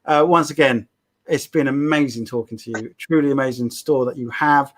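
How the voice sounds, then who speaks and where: A man's voice: medium pitch, moderate pace. An English man hosting a casual live online show, rambling and upbeat, often repeating his words. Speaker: show host. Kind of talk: casual live-stream chat.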